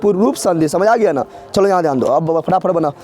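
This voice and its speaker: Soft music plays in the background as a man teaches exam-prep grammar in a high, mellow voice, talking fast with lively intonation. His style is a repetitive drill in which he asks questions and answers them himself.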